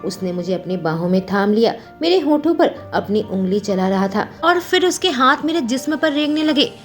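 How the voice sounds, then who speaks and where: Female storyteller, fairly high voice, intimate emotional first-person narration over faint music. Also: big pitch swings, normal speed. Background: soft background music.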